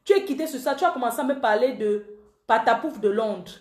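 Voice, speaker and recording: An online commentator who calls herself the panther angrily accuses a man in an emotional live-stream rant, talking straight to him though he's absent and repeating her accusations. Her voice is a little high and a little fast, with a darkish tone and a roomy sound.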